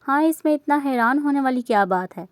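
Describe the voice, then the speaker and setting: A woman's voice: sits high, expressive, fairly quick, no echo, studio quality. A woman reading aloud voices a stern, businesslike older brother who questions firmly. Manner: firm, questioning.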